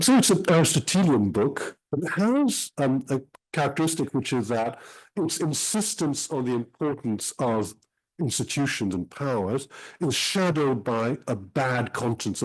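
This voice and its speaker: Measured man with frequent pauses. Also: medium pitch, darkish tone, breathy edge, poor audio. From Switzerland. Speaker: historian giving a talk about his book. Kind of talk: academic talk.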